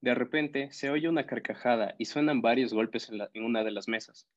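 Male storybook narrator, steady reading, medium pitch, slightly dull recording. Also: fairly quick, background noise. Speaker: audiobook narrator.

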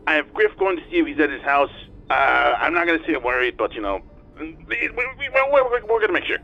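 A man's voice: on the high side, sing-song, a little fast, gravelly, sharp tone, highs cut off, faint music behind, full character voice. A man playing a foul-mouthed, short-tempered boss who swears and stammers over the phone. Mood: angry, rude.

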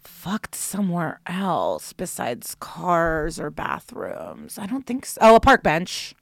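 A woman's voice: lowish voice, huge pitch swings, slow, gravelly, no room sound. A woman co-hosting a podcast, talking candidly and loosely with lots of "like" and "um". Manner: candid, chatty, full of fillers. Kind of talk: casual chat.

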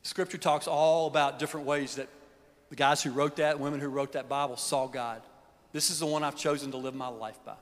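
A man's voice: mid-range voice, steady tone, brisk. A man preaching a sermon in a folksy, earnest way that often sinks to a near whisper. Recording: long hall reverb.

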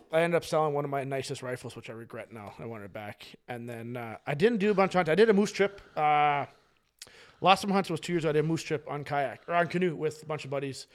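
A man co-hosting a podcast, telling a long story in casual chat, animated and rambling, swearing freely. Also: fairly high pitch. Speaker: podcast co-host.

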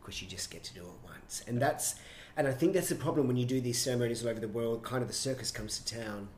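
A middle-aged man, a choreographer and director, telling stories with animated enthusiasm in an interview. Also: medium pitch, fast talker, slight background noise. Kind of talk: conversational interview. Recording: roomy echo, faint ambience.

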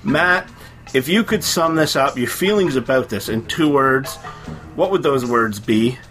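Casual podcast co-host, man, chatty, easy laugh, mid-pitched voice. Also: expressive, a little slow, a bit bright, faint music behind. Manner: chatty, laughs easily, many fillers. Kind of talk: casual chat.

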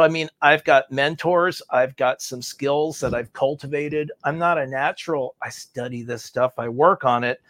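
Male interview guest, gravelly texture, dead-dry room, self-assured and wry. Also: medium pitch, fairly bright tone, dry recording. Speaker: guest, speaking coach. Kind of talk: conversational interview.

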